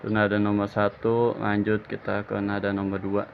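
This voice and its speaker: A man's voice: lowish voice, completely flat delivery, normal speed, gravelly. A man casually demonstrating a horn module, plainly announcing each tone in turn. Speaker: shop seller demoing horns. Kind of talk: casual product demo. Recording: lo-fi with loud ambient noise.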